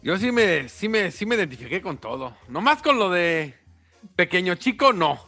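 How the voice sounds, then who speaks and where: A man's voice: high-pitched, big pitch swings, normal speed, bright, forceful tone, soft background music. A man, joking at his own expense on a comedy radio show. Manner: self-mocking joking.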